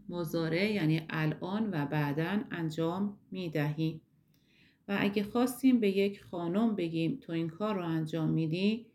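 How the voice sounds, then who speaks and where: A woman teacher talks through a recorded lesson in a patient, methodical way. Her voice sits a little low, and she slows right down to spell out each example word before moving on. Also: mellow. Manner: slow, careful explanation that stretches out example words.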